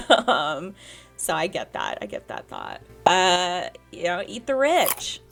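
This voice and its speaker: A woman's voice: on the low side, wildly swooping pitch, takes it slowly, gravelly, over music. A woman streaming a dating sim game, reading its text aloud and joking about it with a giggly, sarcastic manner. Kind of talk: casual let's-play commentary.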